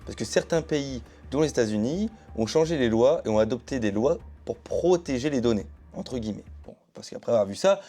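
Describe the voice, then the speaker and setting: A YouTube storyteller with a mellow, medium-pitched voice narrates casually to camera, explaining things in a chatty way. He speaks directly to viewers, tossing in asides and hedging phrases, with slight background noise behind him.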